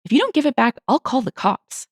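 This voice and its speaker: A woman's voice: very animated, fairly quick, dry recording, studio quality. Woman voicing an entitled screaming accuser. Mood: accusing, shrill. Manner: shrill and accusatory. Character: angry entitled woman accusing a stranger of theft.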